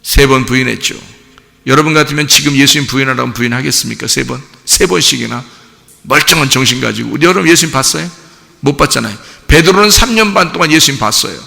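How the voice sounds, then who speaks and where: A man preaching a sermon as pastor, talking in a lively, conversational way and acting out biblical figures. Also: mid-range voice, fast, gravelly, big-room sound. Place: church sanctuary.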